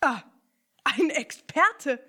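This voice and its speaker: A woman voicing an excitable young male mouse, loud and blunt. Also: mid-range voice, a little fast, husky. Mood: excited.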